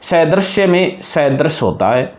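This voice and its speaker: A man's voice: a little high, big pitch swings, slow pace, a little mellow. Man teaching spelling rules in an echoey room. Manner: explains spelling rules patiently, repeating words and contrasting wrong with right forms. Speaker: Hindi grammar teacher. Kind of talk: classroom-style grammar lesson.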